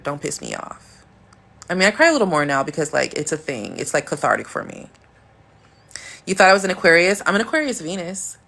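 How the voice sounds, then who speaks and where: Sharp-toned yet deep, smooth and sultry, this livestream host chats casually through viewer comments. Her manner is playful and talkative, punctuated by high bursts of laughter.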